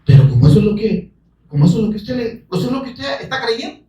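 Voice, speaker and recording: A man delivers a fervent sermon, swinging into shouts and pressing his listeners with questions. He sounds set back from the microphone. The room rings with echo around him. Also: high voice, sing-song, quick pace, distant mic, muffled recording. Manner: fervent, bursts into shouting, pleads with rhetorical questions. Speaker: preacher. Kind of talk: evangelical sermon.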